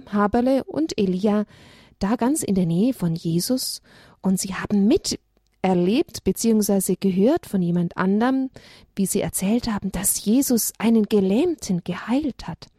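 A woman reading a children's story aloud in a gentle, expressive way. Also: mid-range voice, measured pace, dry recording, clean studio sound.

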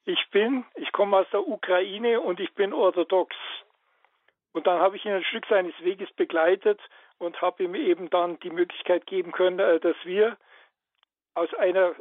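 A man's voice: high-pitched, no room sound. Earnest man on a phone line. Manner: earnest, hesitant with many fillers. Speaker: caller. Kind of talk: phone-in call. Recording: tinny dry phone line.

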